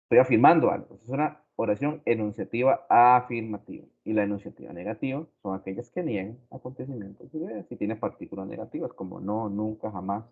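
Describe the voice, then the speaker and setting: A man teaching a grammar lesson slowly and deliberately, repeating his examples. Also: on the low side, lively intonation, vocal fry, breathy edge. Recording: tinny phone-like recording.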